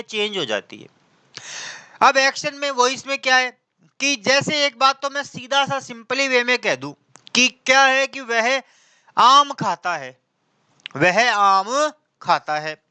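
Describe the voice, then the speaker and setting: A man's voice: extremely high pitch, pushed and bright, smooth, dry recording. A male teacher giving an exam-prep grammar lesson, asking questions and answering them himself, with lots of repetition.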